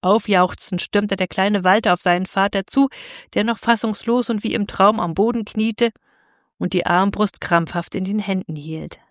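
A woman narrating a storybook in a steady, expressive reading voice. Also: medium pitch, moderate pace, dry recording, clean studio sound.

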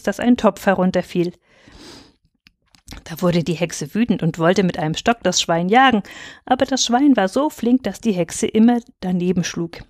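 A woman's voice: medium pitch, a little mellow, dry recording, clean studio sound. Woman reading a fairy tale aloud. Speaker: reader. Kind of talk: storybook reading.

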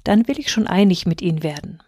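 A woman's voice: lowish voice, expressive, quick pace, warm tone, slightly rough, no echo, studio quality. A woman voicing a kind, earnest young prince in a fairy tale reading.

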